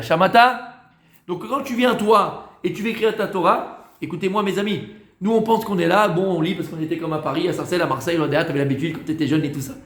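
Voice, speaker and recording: A man's voice: high-pitched, reverberant. A man teaching Torah to a class in a loose, talkative way, repeating phrases, mixing in Hebrew words, stopping to ask his listeners questions, and sounding tired. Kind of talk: informal Torah lesson with questions from students.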